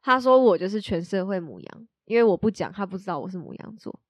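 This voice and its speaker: Young woman co-host, mid-pitched, chatty and frank, recorded dry and close. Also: very animated, fast, no echo. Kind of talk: casual chat.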